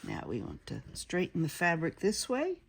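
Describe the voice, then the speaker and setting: With a lowish voice and huge pitch swings, a woman teaches a hands-on sewing tutorial at normal speed, narrating each step. Her sewing machine can be heard running and clicking in the background.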